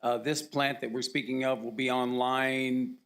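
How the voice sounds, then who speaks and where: A hoarse man with a gravelly voice, reporting to a county commission in a halting, formal manner with many fillers. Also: medium pitch, flat delivery, fairly bright tone. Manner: halting, with frequent uh and um. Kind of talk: formal public meeting report. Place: county commission meeting room.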